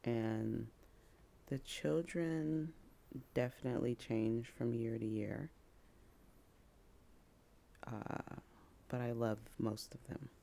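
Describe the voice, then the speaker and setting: A woman's voice: very deep voice, steady tone, slow, creaky, pauses often, dark tone. A woman co-hosting a casual podcast, a teacher who is playful and laughs easily. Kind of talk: casual chat.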